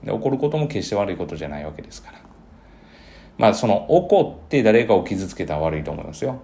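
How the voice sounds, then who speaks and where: A man with a very low, gravelly voice talks loosely through his thoughts on his own podcast, circling back often with fillers and self-corrections. A faint hiss of noise sits under the recording. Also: a little mellow. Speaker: cram school teacher, podcast host. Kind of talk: relaxed solo podcast monologue.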